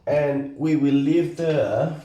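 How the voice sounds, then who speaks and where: A man with a Basque accent and non-native English gives a casual, halting, step-by-step cooking tutorial as an amateur home cook. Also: on the high side, highs cut off. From Basque Country. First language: not English. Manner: halting, step-by-step, often checking with "okay?". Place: home kitchen, indoors. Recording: echoey room, background hiss and clicks.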